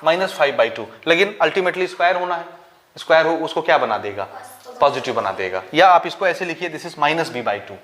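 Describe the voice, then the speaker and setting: With a fairly high, expressive voice at normal speed and a fairly bright tone, a male maths teacher speaks Hindi with a Chhattisgarh accent. In this board-style lesson he explains step by step, asks the class questions he then answers, and mixes in English maths terms.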